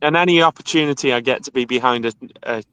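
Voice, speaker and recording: A man's voice: medium pitch, fast talker, lo-fi sound, a crowd in the background. A man in his thirties with a Manchester accent, a guest musician chatting casually and laughing often over a video call. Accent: Mancunian. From England. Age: 30s. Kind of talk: casual chat.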